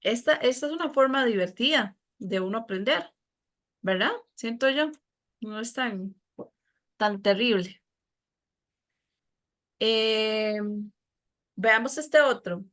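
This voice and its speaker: A woman with a Costa Rican Spanish accent teaches a class, unhurried and patient as she walks students through each step. Her voice sits a little high for a woman. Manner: patient, explanatory, warm with students. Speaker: English teacher. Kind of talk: classroom lesson explanation.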